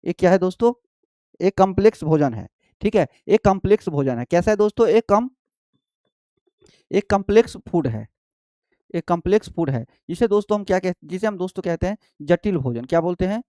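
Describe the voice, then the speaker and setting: A man's voice: sits high, animated, brisk, warm tone, no echo, studio quality. A male teacher giving an exam-prep biology lesson, repeating each point and quizzing the students as he goes. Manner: repetitive, quizzing, addresses students as friends and babu.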